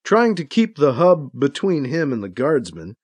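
Brief: male audiobook narrator, slightly high voice, lively melodic delivery, steady storytelling. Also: moderate pace, breathy edge, no room sound.

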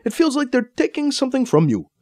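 A man voicing an excitable, jokey male scientist who loves old science fiction, in an audiobook read with a high, bursting delivery. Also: fast talker, no room sound, studio quality, heavily acted. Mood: ominous.

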